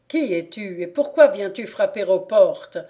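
A woman reading the part of a burly young blacksmith who shouts roughly and threatens, in a storybook reading. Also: high-pitched, expressive, measured pace. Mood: furious.

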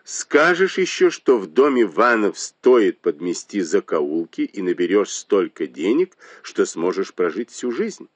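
A shrewd noblewoman with a sharp, mocking tongue, as a male reader puts her on. The voice sits higher than his own and swings widely in pitch. The recording is close and dry, with no room sound. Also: big pitch swings, unhurried, few pauses, no echo, heavily acted. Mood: indignant. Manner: mocking, reproachful.

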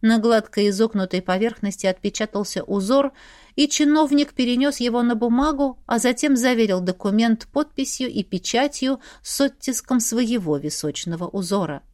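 A woman narrating a novel in the first person with steady, even storytelling. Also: a little high, normal speed. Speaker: audiobook reader.

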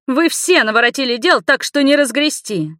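A woman's voice: on the high side, sing-song, normal speed, a bit bright, no echo, studio quality, pitched above the performer's own voice. A woman voicing a domineering grandmother over eighty. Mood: commanding. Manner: commanding, reproachful.

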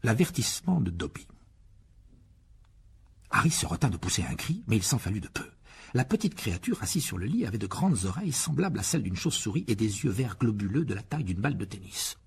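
A man reading an audiobook expressively, with a lively delivery that rises in pitch for dialogue. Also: brisk, vocal fry, slight background noise. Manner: lively, voices Harry with rising pitch in dialogue. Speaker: audiobook narrator.

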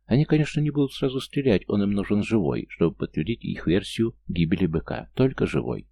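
A man narrates a thriller audiobook in a very low, gravelly voice. His tone is dark and mellow, and his reading stays steady and restrained, with clipped lines of dialogue. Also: fairly quick.

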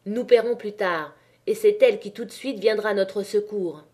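A woman's voice: mid-range voice, moderate pace, warm tone, natural voice. A woman reading the part of an earnest, idealistic young male miner leader who speaks in a pleading way, in an audiobook.

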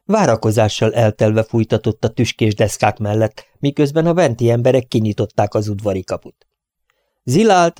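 A man reading an audiobook in steady, measured narration on a close studio mic. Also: mid-range voice, no room sound. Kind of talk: scripted narration.

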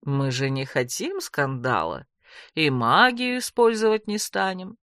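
A woman voicing a cold, menacing male leader of a religious order, speaking slowly and with threat. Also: low-pitched, big pitch swings, a bit bright, no room sound, clean studio sound, exaggerated voice. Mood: cold menace.

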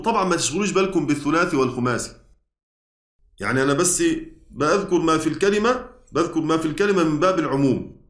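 A man's voice: fairly high pitch, fairly bright tone. A man with an Egyptian Arabic accent teaching a class on Quran orthography, explaining step by step and often checking that his students follow. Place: lecture room at an institute. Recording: roomy hall echo from a distant mic.

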